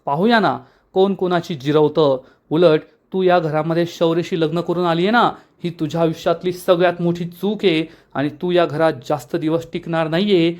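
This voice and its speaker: A scheming young woman, voiced by a man reading a story, answers back with sulky defiance. His voice sits a little high and stays mostly his own. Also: steady tone, normal speed, natural voice. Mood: defiant.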